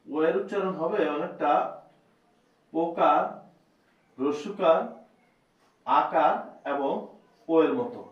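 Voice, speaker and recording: Male tutor, slow and patient, repeats himself, distant lo-fi echoey recording. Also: on the high side. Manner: slow, repeats each point several times. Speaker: teacher. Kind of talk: spoken lesson on reading letters. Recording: echoey, distant, dull lo-fi room sound.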